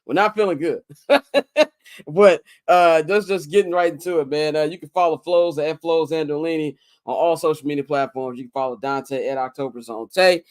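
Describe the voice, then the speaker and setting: Male sports show host, hungover, higher-than-average voice, loose slangy conversational delivery. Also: normal speed. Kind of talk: casual sports talk show hosting.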